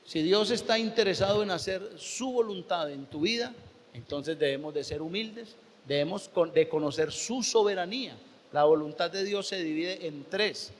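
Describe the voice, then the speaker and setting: Colombian pastor preaching in a reverberant hall. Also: male voice, high voice, moderate pace. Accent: Colombian Spanish. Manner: storytelling, acting out dialogue, emphatic preaching. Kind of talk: sermon. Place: church sanctuary. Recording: long church hall reverb.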